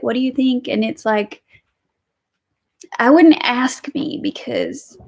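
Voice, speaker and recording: A woman's voice: fairly high pitch, vocal fry. A woman and mother chatting casually on a home livestream, rambling and reading viewer comments aloud. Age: adult with kids. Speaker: livestream host. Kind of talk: casual live chat.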